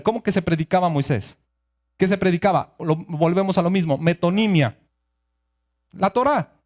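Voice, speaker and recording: A man teaches scripture in a relaxed sermon style. He explains things several ways over and checks in with his listeners often. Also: high-pitched. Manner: asks the audience frequent check-in questions; explains in a conversational, repetitive way. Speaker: teacher of a Torah study group.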